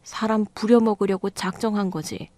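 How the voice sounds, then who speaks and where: A woman narrator voicing a sharp-tongued, offended middle-aged mother who scolds her daughter in a storytelling radio reading. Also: medium pitch, moderate pace, no room sound, close to an everyday voice. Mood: scolding. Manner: scolding, huffy.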